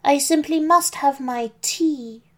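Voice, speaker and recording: A woman voices a big wolf faking a sweet old granny, using a sugary, fussy put-on old-lady voice. Her delivery is high-pitched and slow, pitched above her natural voice, with a sugary fake mood.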